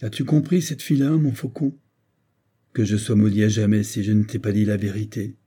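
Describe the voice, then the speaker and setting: A man's voice: lowish voice, fairly even intonation, brisk, mellow, breathy edge. A man voicing an old Romani storyteller by a fire, who speaks in a grave, advising way.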